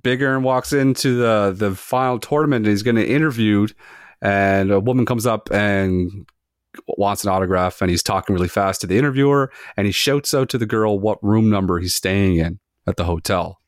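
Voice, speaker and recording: A man's voice: fairly low pitch, moderate pace, no room sound, studio quality. A man hosting a casual podcast, reading out trivia questions and multiple-choice options to his friends and swearing freely. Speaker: podcast host running trivia quiz.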